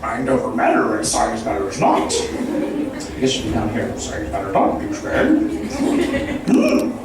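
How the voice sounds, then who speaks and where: A man's voice: on the low side, huge pitch swings, a little slow, over a noisy crowd. A man performing an escalating stand-up comedy rant, theatrically rambling through chains of wordplay and rhyme, recorded live. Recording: very echoey room, distant mic, clear noise.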